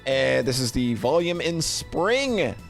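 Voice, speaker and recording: With soft background music, a middle-aged streamer goes through a tier list in casual livestream commentary. His mid-range voice is gravelly, slow-paced, and swings widely in pitch as he rambles playfully and repeats himself a lot.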